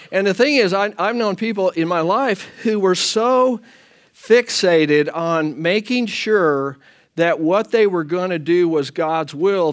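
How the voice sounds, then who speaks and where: Male pastor, high-pitched, loose conversational teacher of a Bible class. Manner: animated, chatty, often asks "right?".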